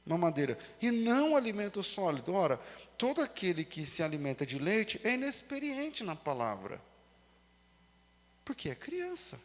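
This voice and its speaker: A man preaching a sermon with a Brazilian Portuguese accent. He moves between loud emphasis and quiet asides and acts out quoted voices with humor. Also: high voice, sing-song, normal speed, in a large hall. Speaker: pastor.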